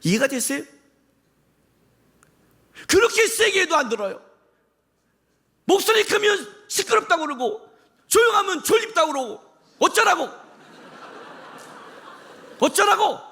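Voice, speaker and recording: Male pastor, sermon, high voice, swooping lively pitch, impassioned, rhetorical questions. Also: moderate pace, pauses often. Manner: impassioned, shouts for emphasis; talks straight to the congregation with rhetorical questions.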